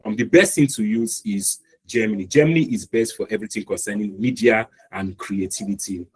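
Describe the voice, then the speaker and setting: Teaching a live online class over a meeting call, a man with a Nigerian accent explains each step, using fillers and restarting often. His fairly low, slightly rough voice moves briskly through a rough recording.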